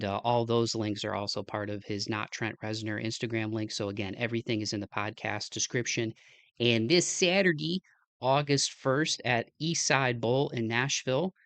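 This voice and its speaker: A man's voice: medium pitch, a bit bright, no echo. A young man with a Midwestern American accent wrapping up his podcast episode in a loose, rambling way, with lots of fillers and restarts. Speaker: podcast host. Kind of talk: casual podcast outro.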